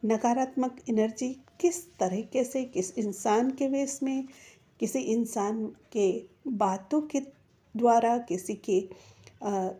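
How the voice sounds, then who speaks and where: A middle-aged woman, hosting her own channel and giving measured, persuasive advice straight to her viewers, whom she calls friends. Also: a little high, dark tone. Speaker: channel host. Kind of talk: slow earnest advice to viewers.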